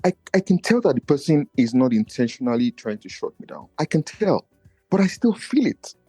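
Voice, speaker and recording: A man's voice: very animated, brisk, warm tone, husky, no room sound, soft background music. A man, a podcast guest talking in an earnest, searching way and often restarting his thoughts. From Nigeria. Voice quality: low voice he feels does not carry. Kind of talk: reflective personal conversation.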